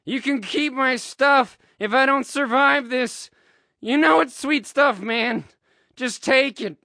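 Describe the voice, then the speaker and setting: A man's voice: very high-pitched, slow pace, sharp tone, no echo, pitched above the performer's own voice, full character voice. A man voicing a reckless, brave young wizard about to sacrifice himself, speaking in a raised, heightened voice. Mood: heroic, pleading. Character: doomed boy wizard hero, reckless and brave.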